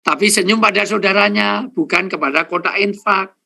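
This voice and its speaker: A man's voice: high voice, moderate pace, vocal fry, bright, forceful tone. A middle-aged man preaching a humorous sermon to a live audience, joking, speaking to listeners directly and counting off his points. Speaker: Islamic preacher.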